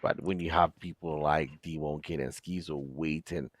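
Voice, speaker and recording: A man casting an esports match, with sudden loud bursts of excitement. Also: extremely low pitch, normal speed, no room sound. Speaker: esports caster. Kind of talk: play-by-play esports commentary.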